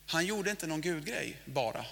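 A man's voice: on the high side, expressive, creaky, bright, forceful tone. A man preaching a sermon, telling a story and acting out the voices in it. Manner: storytelling, acts out quoted voices, laughs. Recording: long hall reverb.

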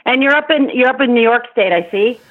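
A middle-aged woman talks through an interview, pausing and restarting as she gathers her thoughts. Her voice is a little husky, and it comes through a narrow, tinny phone line. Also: fairly high pitch, expressive. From born in Vietnam, raised in Asia and Africa. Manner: thoughtful, with frequent restarts and light laughs. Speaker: interview guest.

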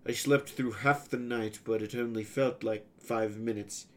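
Male narrator for a fantasy serial; steady, even first-person storytelling. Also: mid-range voice, unhurried.

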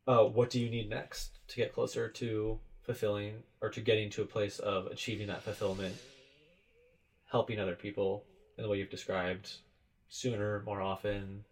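A man's voice: fairly low pitch, little pitch movement, moderate pace, low-quality recording. A young man hosting a casual conversation, asking questions and telling wry, rambling anecdotes with jokey asides. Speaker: podcast host asking questions.

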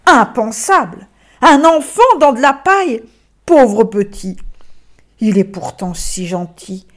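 A woman's voice: on the high side, animated, slow. A woman voicing a humble, sad young male donkey who talks meekly and with wonder in a storybook tale. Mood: wistful. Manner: meek, wondering, self-pitying.

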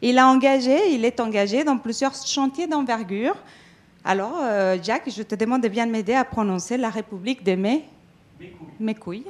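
A woman's voice: a little high, moderate pace. Hesitant woman from Mexico. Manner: hesitant, many fillers and restarts. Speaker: event organizer. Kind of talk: event introduction speech.

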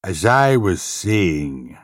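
A man voicing a large, bald police inspector who speaks gruffly and emphatically, full of threats. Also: lowish voice, expressive, normal speed, no echo, clean studio sound. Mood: stern.

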